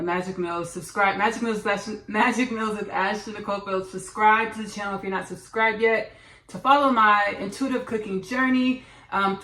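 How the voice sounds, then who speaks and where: Chatty woman in an echoey room. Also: mid-range voice. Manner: animated, repetitive, spiritual rambling. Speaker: host. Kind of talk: casual mukbang monologue.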